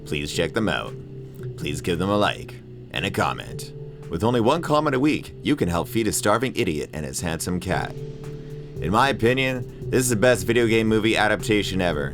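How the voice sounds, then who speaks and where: At normal speed and very animated, a video essayist in his thirties narrates a casual essay in a voice on the low side. He hosts the channel, speaks irreverently and opinionatedly with slang and swearing, and has music playing behind him.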